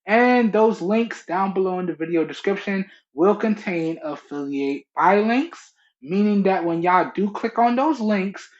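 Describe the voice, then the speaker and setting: A young man talking casually and emphatically to camera as a product reviewer, checking in often, recorded through a Bluetooth earbud microphone. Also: sits high. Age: young adult. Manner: chatty, emphatic, checking in with "okay" and "all right". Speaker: tech reviewer and channel host. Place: small room indoors. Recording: muffled lo-fi Bluetooth headset mic.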